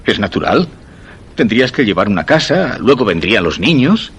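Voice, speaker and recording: A lowish male voice, very animated and earnest, belongs to a Castilian-accented actor portraying an insistent, curious husband. He tells of a mysterious romance in the measured, literary manner of a radio play, over a little hiss or hum.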